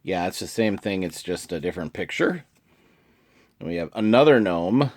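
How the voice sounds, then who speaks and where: A channel host reads card game text aloud in a casual review, chuckling and adding brief asides. His low-pitched voice is expressive and a little mellow, at a normal speed.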